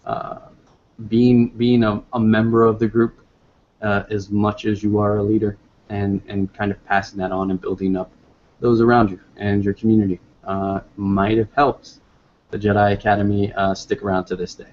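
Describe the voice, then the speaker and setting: A man's voice: fairly low pitch, level tone, moderate pace, darkish tone, dull audio. A man hosting a casual live online discussion, rambling and upbeat with many fillers. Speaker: host.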